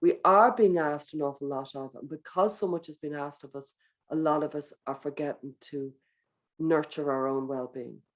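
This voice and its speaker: A speaker giving a wellbeing talk to teachers in a gentle, coaching manner, guiding breathing exercises and acting out inner thoughts. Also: medium pitch, moderate pace. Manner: acts out inner thoughts in quoted voices.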